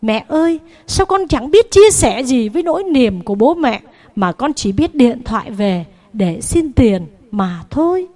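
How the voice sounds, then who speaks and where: A young student son in a spoken moral tale, earnest and pleading as he asks his parents for help, as a woman preacher puts him on. The voice sits fairly high. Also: sing-song, a little slow, darkish tone. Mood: remorseful.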